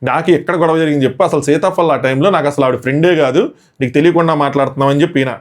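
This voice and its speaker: Rapid-fire male show reviewer. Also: fairly high pitch. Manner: breathless storytelling, mixes in English words. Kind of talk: rapid episode recap commentary.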